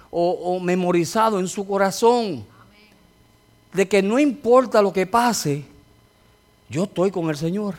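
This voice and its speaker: A man preaching a sermon as a pastor, telling a testimony with rising fervor. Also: high-pitched.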